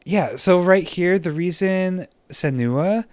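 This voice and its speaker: A man's voice: high-pitched, takes it slowly, darkish tone, no echo. A man teaching a slideshow lesson on art composition, talking casually with many fillers and self-deprecating asides.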